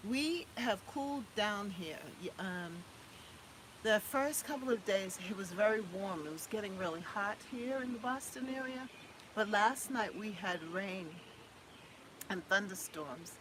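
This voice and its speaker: A woman's voice: medium pitch, expressive, unhurried, noisy background. A middle-aged woman hosting a casual live stream, effusive and repetitive, greeting her chat viewers. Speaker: livestream host.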